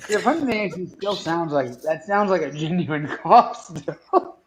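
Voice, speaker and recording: A man's voice: a little high, lively intonation, unhurried, slight background noise, poor audio. A man in a casual sports chat who teases the others and repeats words as he starts.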